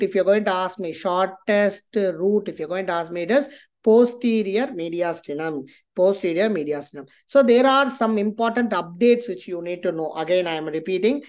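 A woman's voice: on the low side, a little mellow. A woman with a South Indian Tamil accent giving a medical revision lecture, repeating key phrases for emphasis and checking in with listeners.

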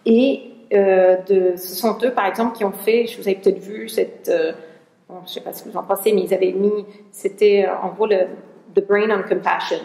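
A woman's voice: mid-range voice, steady tone, normal speed, creaky, warm tone. A woman researcher giving a conference talk in a lecture hall. She often searches for words and restarts her sentences. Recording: roomy hall sound.

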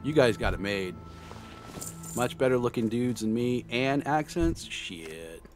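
A man's voice: mid-range voice, animated, a little slow, over music. A man chatting casually with viewers during a live game stream, rambling with lots of fillers and restarts. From United States. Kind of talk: casual live-stream chat while gaming.

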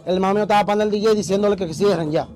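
A man, an interview guest telling a story in a casual, animated way and acting out the voices he quotes. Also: high voice, racing, over music, rough recording.

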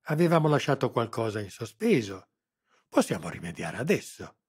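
Male narrator doing a cruel colonel: loud, mocking, always in command. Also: medium pitch, moderate pace, slightly rough, close to an everyday voice. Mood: cold, mocking.

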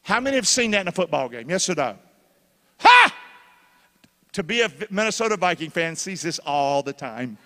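A male pastor preaching in a church, his bright, forceful voice sitting high for a man. He keeps asking the congregation questions and breaks into excited shouts. The sound rings with the long reverb of the hall. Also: fast talker, few pauses. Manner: bursts into shouting when excited. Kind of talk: sermon.

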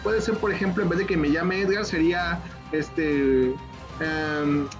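A man, a teacher trainer hosting a children's event over a video call, talking in an animated, coaxing way and repeating himself. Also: on the high side, unhurried, over music. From Mexico. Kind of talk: lively online workshop hosting.

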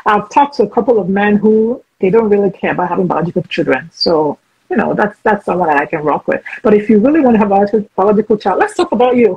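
Forties woman hosting over video call, chatty and blunt, raspy breathy voice. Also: mid-range voice, dull audio. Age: 40s. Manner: chatty, frank, talks over herself with restarts. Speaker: host. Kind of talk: casual video-call interview.

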